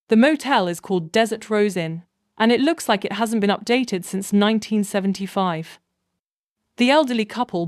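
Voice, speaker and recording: A woman reading a scripted first-person story in a measured, even way. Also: mid-range voice, no echo, studio quality.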